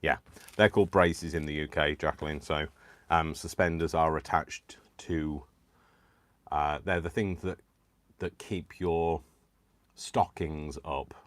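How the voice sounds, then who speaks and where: With a very deep, steady voice, a British crafting livestream host from the UK talks slowly and pauses often, captured in a dry recording. He rambles casually to his viewers, dropping lots of ums, little laughs and self-deprecating remarks.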